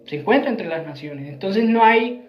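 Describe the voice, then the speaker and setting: Soft music plays behind a Messianic preacher whose high voice is animated at a normal speed. His earnest Bible teaching repeats phrases and often ends on tag questions, and the sound is roomy, dull and lo-fi.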